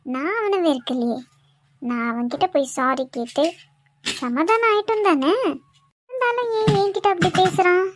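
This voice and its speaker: A woman's voice: very high-pitched, moderate pace, long pauses, a little hiss or hum. A woman voicing a worried young woman confiding in a friend in a cartoon, speaking with a Kanyakumari Tamil accent in a troubled, pleading tone.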